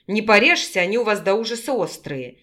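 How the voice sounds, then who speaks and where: A woman reading the lines of a lively young woman, a friend and aunt, who talks briskly and teasingly, in an audiobook. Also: medium pitch, close to an everyday voice.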